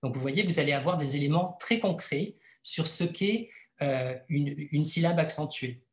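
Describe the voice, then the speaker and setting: A man's voice: a little high, normal speed. A man presenting his book in an educational webinar, speaking hesitantly with frequent filler sounds. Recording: echoey room.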